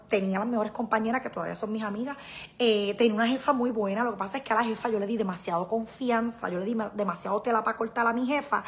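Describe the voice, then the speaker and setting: A woman's voice: on the high side, a bit bright. A middle-aged woman, talking casually and emphatically to her viewers, often repeating herself. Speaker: vlogger. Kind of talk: casual live-stream talk to viewers.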